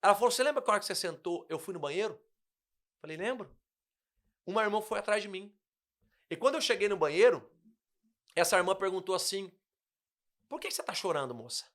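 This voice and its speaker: In casual conversation, a young guest pastor tells his personal testimony with emotion, acting out what people said. He talks fast and pauses often, his voice sitting high and a bit bright.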